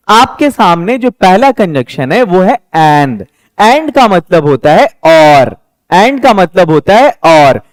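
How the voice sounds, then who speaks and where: A young man teaching a spoken English lesson, patiently explaining and slowly repeating example sentences. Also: sits high, no echo.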